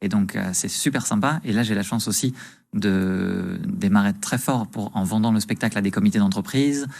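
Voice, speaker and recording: A man's voice: on the low side, normal speed, creaky, darkish tone. A man working as a magician, explaining things agreeably and conversationally as a guest in a TV interview.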